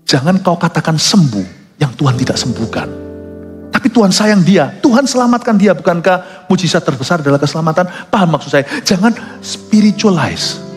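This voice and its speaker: A male pastor preaching emphatically, mixing English phrases into his sermon and swinging from low asides to loud high peaks. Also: big pitch swings, fairly quick. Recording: long hall reverb with soft music behind.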